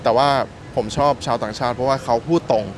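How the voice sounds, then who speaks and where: A man's voice: medium pitch, fairly even intonation, fast, a crowd in the background. A Thai man chatting casually and explaining things politely, dropping English phrases into his talk with a Thai accent. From Thailand. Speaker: interview guest. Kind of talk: casual chat.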